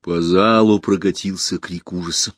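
A man narrating a fantasy story for an audiobook in an expressive storytelling manner. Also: low-pitched, normal speed, husky, dry recording, studio quality. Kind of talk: audiobook narration of a fairy tale.

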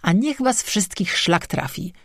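Narrator doing a sarcastic, short-tempered young guy in a storybook; the voice lifts a bit higher, dry and close. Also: animated, measured pace, fairly bright tone, no echo. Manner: irritable, snapping. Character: grumpy sarcastic young man on a bike.

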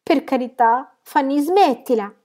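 A woman's voice: fairly high pitch, steady tone, quick pace, warm tone, voice pushed up, natural voice. A no-nonsense young woman, as a woman reader puts her on. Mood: urgent. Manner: matter-of-fact. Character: practical young woman, level-headed sister.

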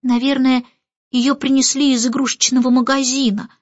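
A woman's voice: high voice, flat delivery, dry recording, muffled recording. A woman voicing a flustered young boy who speaks hastily and sheepishly, in an audiobook. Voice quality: hurried, sheepish.

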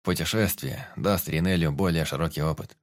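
A man's voice: extremely low pitch, brisk, dry recording, clean studio sound, voice pushed down. A man voicing a sturdy middle-aged warrior and father in an audiobook, speaking steadily and earnestly. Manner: steady, earnest, good-humoured.

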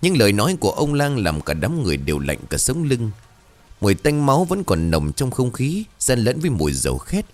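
A man reading a ghost story aloud as a scripted narration, dramatic and expressive. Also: on the low side.

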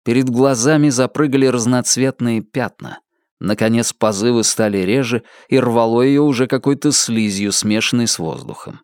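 A man reading a novel aloud as an audiobook narrator, in a dramatic, expressive manner. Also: mid-range voice, normal speed, no room sound, clean studio sound. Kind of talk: scripted narration.

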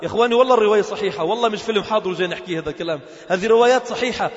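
A man's voice: high voice, rapid-fire. A man preaching a sermon, telling stories with passion and rising to emphatic cries. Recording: dull, reverberant hall recording.

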